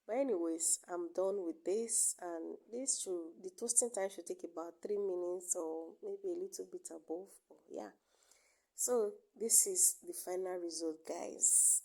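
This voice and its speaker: Woman with a cold, mellow voice. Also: fairly low pitch, low-quality recording. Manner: tag "okay?" at the end of steps, many fillers. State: has a cold. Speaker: cooking channel host. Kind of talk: cooking tutorial voice-over.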